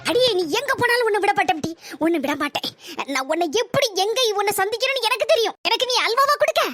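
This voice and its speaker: A woman's voice: very high voice, animated, quick pace, fairly bright tone. A woman voicing a grieving, dramatic mother-in-law in a cartoon, cursing and lamenting. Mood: wailing. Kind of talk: cartoon voice acting.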